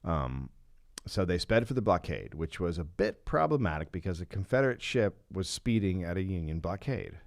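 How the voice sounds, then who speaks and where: Give me a lively, low-voiced man telling a story. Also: creaky, no echo, clean studio sound. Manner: halting, full of restarts and ums. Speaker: podcast host telling a history story. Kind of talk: casual comedic storytelling.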